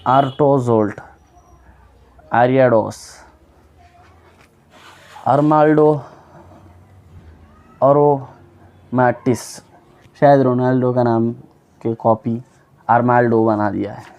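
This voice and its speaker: Young male YouTuber, slow and mellow, sounds out names one at a time, casual. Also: medium pitch, steady tone, dull audio. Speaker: YouTuber reading Pokémon names. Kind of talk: casual reading aloud to viewers.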